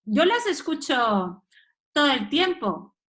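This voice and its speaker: Brief: female course instructor, high, animated pitch, coaxes the group along. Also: slow. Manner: reads phrases and rephrases them, coaxing participants. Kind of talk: live webinar teaching.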